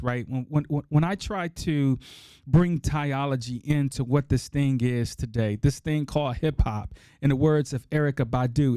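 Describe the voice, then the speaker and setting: A man's voice: mid-range voice, dark tone, no echo, studio quality. A middle-aged man hosting a podcast, talking casually and emphatically to listeners, repeating key points for effect. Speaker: podcast host.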